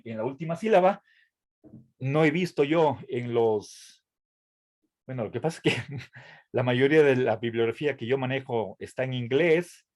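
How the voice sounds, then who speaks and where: A man's voice: mid-range voice, darkish tone. A man giving a tutoring lecture, explaining carefully with fillers, restarts and a frequent "¿sí?" to check his students follow. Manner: hesitant, with many fillers and restarts, asks "¿sí?" often. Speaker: university lecturer.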